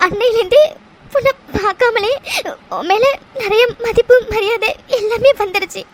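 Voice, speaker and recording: A woman voicing an emotional young woman in a cartoon love story, halting and tearful as she thanks her fiancé. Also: very high-pitched, a loud crowd. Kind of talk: cartoon voice acting.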